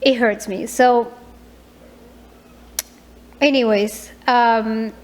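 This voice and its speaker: Woman, 30s, slightly high voice, soft halting confessional vlogger. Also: fairly even intonation. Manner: soft, hesitant, with frequent fillers and repeats. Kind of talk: personal confessional vlog.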